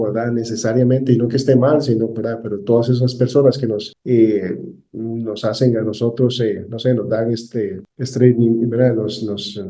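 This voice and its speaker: Man teaching a Bible class, dark voice. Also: mid-range voice, reverberant, poor audio. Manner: storytelling, leans on a constant "¿verdad?".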